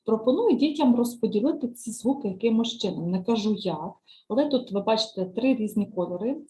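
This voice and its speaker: A woman teacher trainer giving a step-by-step screen-share software tutorial, patiently explaining each click and lesson task and often checking "right?". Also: fairly high pitch, animated, fairly quick, low-quality recording.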